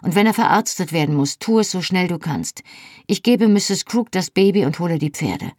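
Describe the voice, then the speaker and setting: A woman reading as a stern brisk farm mother. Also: on the low side, expressive, dry recording, clean studio sound, voice pushed up. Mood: scolding, urgent. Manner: sharp, commanding scolding.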